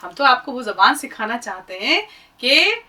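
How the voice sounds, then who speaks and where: A middle-aged woman teaching an Urdu language lesson, patiently drilling sounds and repeating them slowly. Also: a little high, big pitch swings, bright, forceful tone, distant mic, rough recording. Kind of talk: classroom-style language lesson.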